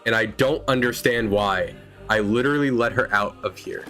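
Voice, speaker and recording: A man's voice: on the low side, normal speed, pushed and bright. A young man chatting casually while streaming a game, rambling and correcting himself as he talks. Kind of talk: casual gaming stream chat. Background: faint game music.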